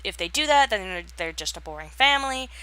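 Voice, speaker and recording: A young woman talks through her game build in a loose, rambling way, stopping and restarting her sentences often. Her voice is bright and forward, and the recording is dry with no room sound. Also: medium pitch, lively intonation, fast, clean tone, dry recording. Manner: rambling, hesitant, lots of fillers and restarts; yawns and laughs while talking. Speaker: gaming channel host. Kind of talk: casual voice-over commentary on a home build.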